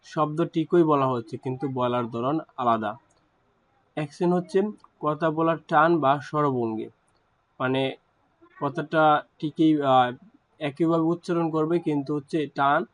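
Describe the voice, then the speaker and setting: A man teaching a language lesson, explaining terms slowly with hesitant pauses. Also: a little high, rough recording. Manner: hesitant, frequent fillers and restarts.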